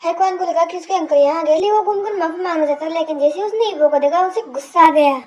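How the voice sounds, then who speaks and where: A woman's voice: very high-pitched, quick pace. A woman narrating a fan-fiction story in a plain retelling manner.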